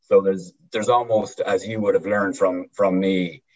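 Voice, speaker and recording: A man with an Irish midlands accent from County Cavan, telling stories conversationally in a husky voice, often circling back over his words. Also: low-pitched, steady tone, a little slow, a little mellow. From County Cavan, Ireland. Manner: hesitant, repeats words, often tags with "right?". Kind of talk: conversational storytelling. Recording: dull lo-fi sound.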